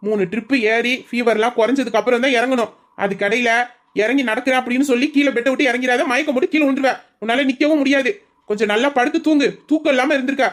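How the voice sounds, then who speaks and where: A woman playing a brisk female doctor who gives firm instructions and scolds with care, in an audio drama. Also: sits high, steady tone, natural voice. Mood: instructing.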